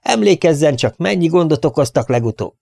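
A man voicing a small, eager elderly English lord who talks in high, excitable exclamations. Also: creaky, no room sound. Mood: excited.

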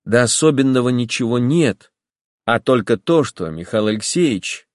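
A man reading an audiobook voices a calm, gentle young woman who speaks softly and reasonably. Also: mid-range voice, no echo, clean studio sound, lightly acted. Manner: soft, measured, reasonable. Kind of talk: audiobook character voice.

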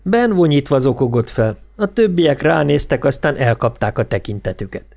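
A man reading an audiobook as narrator, in a steady, even storytelling manner. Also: mid-range voice, creaky, faint music behind. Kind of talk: scripted narration.

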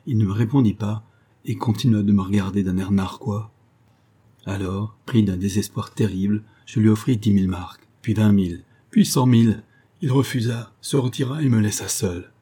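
A distressed young army lieutenant recounts how he was seized, his voice low and husky, as a male audiobook reader gives him lines. He tells it earnestly, in the first person, in a dark, mellow tone. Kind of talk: audiobook reading.

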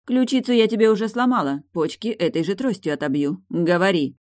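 A woman's voice: medium pitch, expressive, a little fast, a little mellow, no echo, clean studio sound, voice pushed up, lightly acted. A woman reading the part of a tough, menacing woman investigator in an audiobook, cold and clipped.

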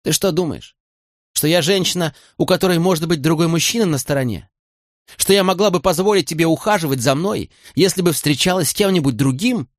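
A man's voice: a little high, very animated, a little fast, dry recording, clean studio sound, voice pushed up. A man voicing a proud young woman who is hurt and angry, speaking in a raised, reproachful voice.

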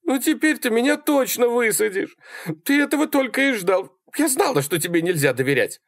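A man voicing a wild young woman hitchhiker who taunts in a shrill, mocking voice. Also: expressive, brisk, dry recording, clean studio sound. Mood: taunting.

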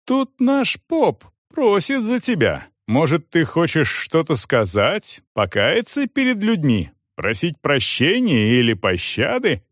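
A male narrator voicing a hard, cold soldier who speaks in gruff, clipped commands. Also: a little high, huge pitch swings, takes it slowly, hardly any pauses, no echo, studio quality, voice pushed up, full character voice.

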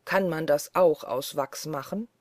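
A woman's voice: low voice, unhurried, darkish tone, dry recording, studio quality. A woman reading the lines of a huge, greedy and sly male forest giant who mocks and boasts. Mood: boastful. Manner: mocking, boastful.

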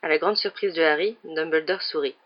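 A man reads a storybook aloud with a slightly high voice. The recording is dull and lo-fi, without much top end. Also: fairly quick. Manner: reads all the characters with raised pitch for quoted lines. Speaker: audiobook reader. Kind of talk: scripted narration.

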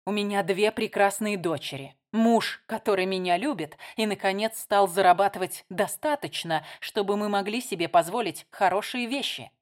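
A woman's voice: mid-range voice, moderate pace, hardly any pauses, lightly acted. A woman reading a novel aloud, voicing a tired, defensive older sister. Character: weary married woman, guarded older sister.

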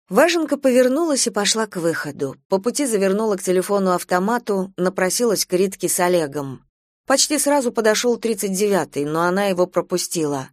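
A woman narrating a literary audiobook in a calm, measured way. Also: medium pitch, no room sound, studio quality.

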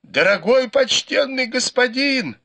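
A male reader voicing a cowardly, beaten young nobleman who whimpers and begs in shrill cries. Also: sing-song, a little slow, vocal fry, bright, forceful tone, full character voice. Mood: whimpering.

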